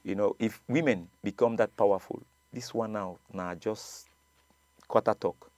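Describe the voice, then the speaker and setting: A Nigerian man with a low voice argues in a relaxed studio chat. He repeats himself for emphasis and laughs often. The sound is dry and close. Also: a little slow, no room sound. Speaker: coach and show guest. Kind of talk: casual debate.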